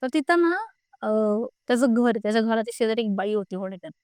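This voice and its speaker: On the high side and fast, with a clear, resonant tone, a young woman recounts her own frightening ghost experience as a guest. She tells it casually and animatedly, quoting everyone's remarks again and again, in a dry, clean studio recording.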